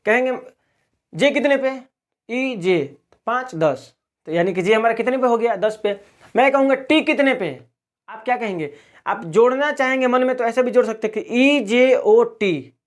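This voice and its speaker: A man's voice: extremely high pitch, moderate pace. A man from Bihar, teaching a video lesson in a question-and-answer drill, asking each question and answering it himself. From Bihar, India. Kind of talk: classroom-style video lesson.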